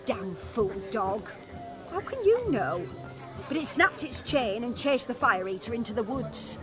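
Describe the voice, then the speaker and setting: An actress playing an excitable, proud mother of a bride in a video game, chatty, dramatic and easily indignant. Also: fairly high pitch, measured pace. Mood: exasperated. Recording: game music and crowd behind the voice.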